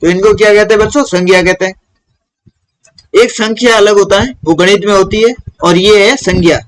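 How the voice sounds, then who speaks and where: Male teacher with a high voice who walks young pupils through a lesson and answers his own questions. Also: steady tone, normal speed, low-quality recording. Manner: repeats questions and answers them himself. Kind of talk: explaining a school lesson to children.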